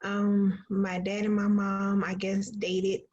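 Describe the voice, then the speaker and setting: Woman guest, flat slow halting voice, muffled lo-fi sound. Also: medium pitch. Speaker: panel guest. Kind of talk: personal testimony.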